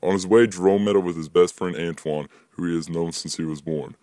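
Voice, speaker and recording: Deep-voiced young man reading a story. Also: fairly even intonation, fairly quick, dark tone, no room sound. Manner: plain reading, voices dialogue with higher pitch. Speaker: student reading his own story. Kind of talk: reading a written story aloud.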